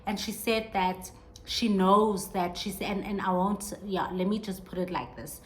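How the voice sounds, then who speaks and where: A woman in her thirties hosts a podcast alone, speaking in a mid-range, steady voice at a slightly slow pace. Her solo monologue is earnest and reflective, with many restarts as she searches for words.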